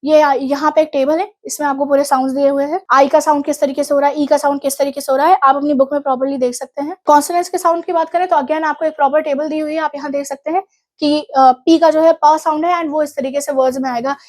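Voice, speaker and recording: Young Indian woman tutor with a high voice and Indian English accent, explaining exam topics step by step for revision. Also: little pitch movement, fast, a little mellow. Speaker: teacher.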